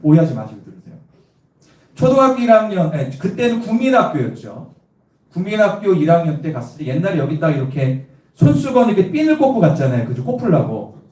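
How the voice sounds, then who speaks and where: Speaking fast in a high voice, a lively male pastor from Cheongju, South Korea, preaches an evangelistic sermon in a church sanctuary. He asks the congregation questions and shares funny personal stories, and the distant recording echoes around the sanctuary.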